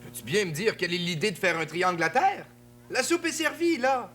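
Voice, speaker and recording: A man's voice: high-pitched, animated, fairly quick, fairly bright tone, a little hiss or hum. A man with a Québécois accent playing a friendly, easily puzzled grown-up playmate on a children's TV show, exclaiming with many fillers. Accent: Québécois French. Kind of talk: children's TV acting.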